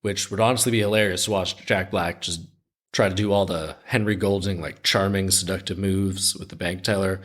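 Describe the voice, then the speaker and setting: A man's voice: deep voice, steady tone, a little fast, a bit bright. A man hosting a podcast, casually retelling a story in a conversational way with frequent restarts. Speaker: podcast host.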